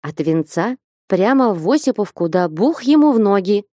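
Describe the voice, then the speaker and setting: A woman voicing a bold, sharp-tongued young woman who scolds and commands, in a read-aloud story. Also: sing-song, normal speed, no room sound, clean studio sound, natural voice. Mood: coaxing. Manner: scolding, commanding, rising to high pitch. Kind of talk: audiobook character reading.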